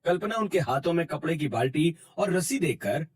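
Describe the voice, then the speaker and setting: A man narrating an animated family story in a steady, scripted storytelling manner. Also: fairly high pitch, fairly quick, husky.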